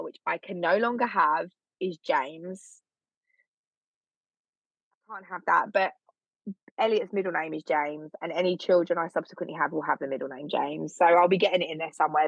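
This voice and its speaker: A woman's voice: fairly low pitch, gravelly, no echo. A woman co-hosting a podcast, chatting casually with a candid, jokey and blunt manner. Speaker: podcast co-host. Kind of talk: casual chat. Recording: slightly dull, dry recording.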